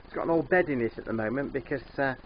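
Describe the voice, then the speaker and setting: An older man with a thick, sore, swollen-sounding throat, narrating a casual DIY vlog in a hesitant, unhurried way. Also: mid-range voice. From England. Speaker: DIY van converter presenting. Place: in and around a van. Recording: dull muffled sound, background vehicle noise.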